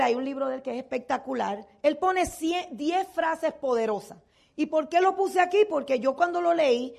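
A woman's voice: a little high, creaky, darkish tone. An older woman giving a motivational seminar talk to a business audience. She asks rhetorical questions and then answers them herself.

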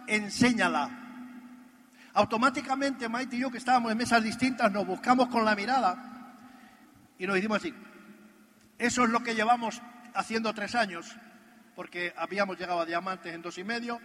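A man's voice: sits high, fairly quick, a bit bright, in a large hall. A man from gives an emphatic, storytelling motivational talk at a business convention, speaking straight to the listener. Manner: emphatic, addresses the listener directly. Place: large convention hall.

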